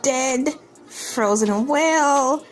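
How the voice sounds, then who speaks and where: A playful woman hosting an online video reads a news article aloud and casually comments, giggling and easily amused by what she reads. Her voice is high and she draws out her words over soft background music.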